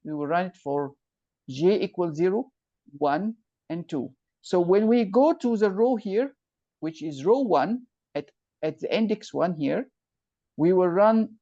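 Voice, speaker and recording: A computer science tutor with a medium-pitched, dark voice patiently walks a student through each step of a loop, checking they follow, in an online lesson. The screen-recorded video call was captured on a computer mic. The audio is dull and dry, with no room sound.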